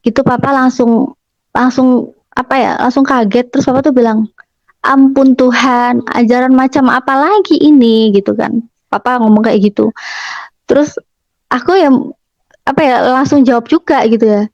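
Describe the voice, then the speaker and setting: A young woman with a fairly high voice tells a personal story, chatty and full of fillers as she retells family conversations. The recording is dry, with no room sound, and a little muffled. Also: normal speed, pauses often, a little mellow, no room sound.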